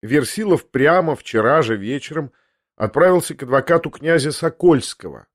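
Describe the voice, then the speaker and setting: A man's voice: medium pitch, no room sound, clean studio sound, lightly acted. A man reading the lines of a cheerful, sincere young man in an audiobook, telling news earnestly.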